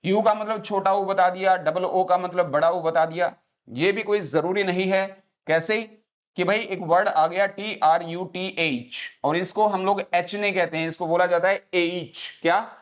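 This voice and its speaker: Haryanvi male teacher, higher voice, live class, drills words call-and-response, Hindi-English mix. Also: fairly even intonation, moderate pace, smooth, lo-fi sound. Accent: Haryanvi-accented Hindi and English. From Haryana, India. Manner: repeats words and quizzes students with call-and-response; mixes Hindi with English phrases.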